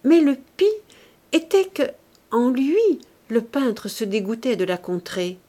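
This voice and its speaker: A woman reading a classic novel aloud as an audiobook narrator, in measured and expressive storytelling. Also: fairly high pitch.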